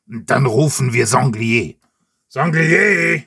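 A man voicing a grumpy, blustering wild-boar king in a gruff, grumbling tone for a storybook reading. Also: medium pitch, animated, takes it slowly, full character voice.

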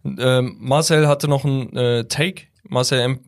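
A man's voice: mid-range voice, fairly even intonation, moderate pace. A young man co-hosting a casual football podcast, chatting loosely in slang and reading out viewer comments. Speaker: podcast co-host.

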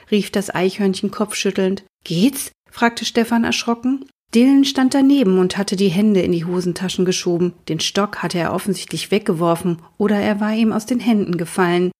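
A woman reads a children's book aloud for a reading series. Her voice is breathy and soft. She speaks gently and turns straight to her young listeners. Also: mid-range voice.

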